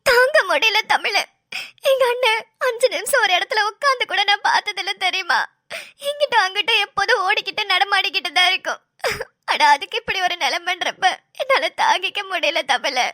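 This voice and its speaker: A woman's voice: extremely high pitch, very animated, moderate pace, bright, forceful tone, dry recording, clean studio sound, exaggerated voice. A woman voicing a grieving young sister who sobs and refuses to leave in a cartoon. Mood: sobbing. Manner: sobbing, stubborn.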